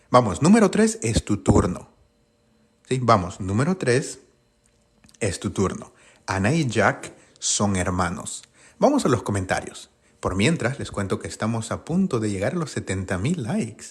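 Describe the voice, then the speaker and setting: A man teaching an online grammar lesson, asking questions and answering them himself and sounding out English words slowly. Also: on the low side, slightly rough.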